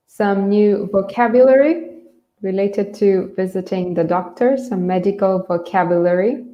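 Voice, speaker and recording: Hosting an online English class, a woman from Bangladesh who grew up in Dhaka explains things in a relaxed, slightly hesitant way. Her mid-range voice has a dark tone, and the recording sounds muffled, roomy and echoey.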